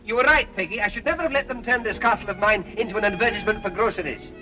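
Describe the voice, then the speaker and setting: A man's voice: high-pitched, rapid-fire, lightly acted, low-quality recording. A man playing a reserved young Scottish laird. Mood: earnest. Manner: reserved, earnest. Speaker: young Scottish castle owner. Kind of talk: 1930s film acting. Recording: old film soundtrack with music.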